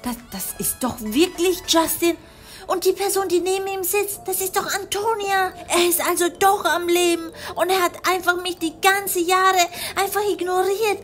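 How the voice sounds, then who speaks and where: A woman's voice: extremely high pitch, normal speed, a bit bright, faint music behind, voice pushed up. A woman voicing a hurt young woman in a storytelling doll game. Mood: stunned.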